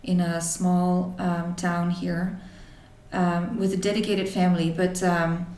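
A woman in her forties from Belgium tells her story in a thoughtful, halting way, with pauses and restarts. Her voice sits a touch low. The sound is roomy and echoing, as if she is a little way from the mic. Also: flat delivery, darkish tone, far from the mic. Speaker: interview guest. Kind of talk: reflective personal storytelling.

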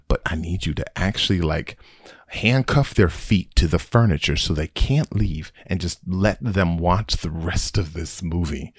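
A man's voice: low voice, no room sound, clean studio sound. A man hosting a solo podcast, giving a rambling, exasperated and joking movie review with frequent restarts. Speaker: podcast host reviewing a film.

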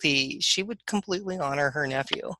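A man co-hosting a podcast, talking in halting, stammering restarts. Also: fairly high pitch, sharp tone, a little hiss or hum, rough recording. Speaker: podcast co-host, attorney. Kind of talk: casual podcast chat.

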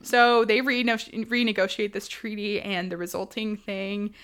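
Fast-talking woman telling history. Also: mid-range voice, clear, resonant tone. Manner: fast, animated storytelling with laughs and asides. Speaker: podcast co-host. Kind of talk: casual history podcast chat.

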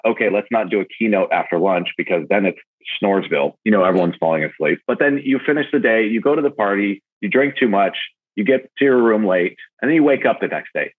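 A man in an interview talking about event planning and meals, telling stories with lively jumps up in pitch when he gets excited. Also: breathy edge. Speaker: podcast guest, event marketer. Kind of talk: casual interview talk. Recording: narrow phone-like audio.

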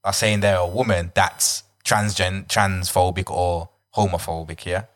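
A man's voice: low voice, steady tone, unhurried, fairly bright tone. A man with a London roadman accent, chatting casually with friends in slang. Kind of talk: casual group chat.

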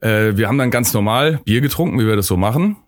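A man in a casual chat, relaxed and rambling as he tells a tour anecdote, laughing along. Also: on the low side, quick pace, dry recording, studio quality. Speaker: musician and co-host.

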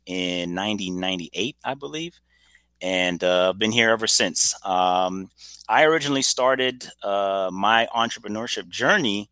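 Upbeat guest, a man in his forties from Trinidad and Tobago, lowish forceful voice, dry sound. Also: unhurried, clear, resonant tone, dry recording. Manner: upbeat, chatty storyteller. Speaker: podcast guest, entrepreneur. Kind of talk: casual interview storytelling.

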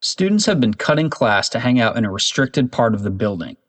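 A man's voice: mid-range voice, big pitch swings, fairly quick. A man voicing a stern, strict older male teacher in a storybook reading. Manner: stern, snarling.

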